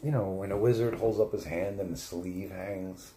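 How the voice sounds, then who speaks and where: A man's voice: deep voice, normal speed, mellow, slight background noise. A man hosting a livestream, telling crude, profane, rambling stories and correcting his own details as he goes. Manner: self-correcting, second-guesses details. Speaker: livestream host. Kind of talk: casual storytelling monologue. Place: home livestream setup.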